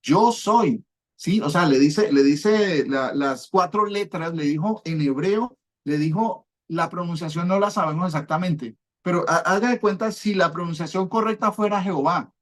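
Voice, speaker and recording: A man's voice: high voice, normal speed. Male preacher, fervent sermon delivery, keeps asking the congregation if they follow. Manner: fervent, rhetorical check-ins with listeners.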